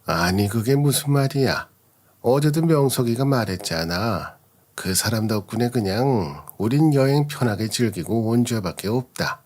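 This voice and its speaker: A man's voice: medium pitch, lively intonation, measured pace, darkish tone. A man voicing an older mother-in-law who feigns innocence and dodges questions. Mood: feigning innocence.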